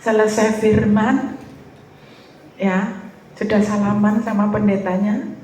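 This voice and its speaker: A woman preaching a testimony sermon, telling her story in a lively way and mixing in phrases. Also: medium pitch, takes it slowly. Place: church. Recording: very echoey church hall with faint noise.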